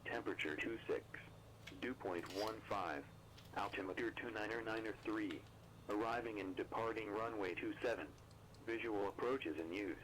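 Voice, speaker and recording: A male voice reading an automated airport weather broadcast over the radio in a flat, even readout of numbers and conditions. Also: lowish voice, normal speed, a little hiss or hum, low-quality recording. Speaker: recorded weather information. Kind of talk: monotone recorded readout.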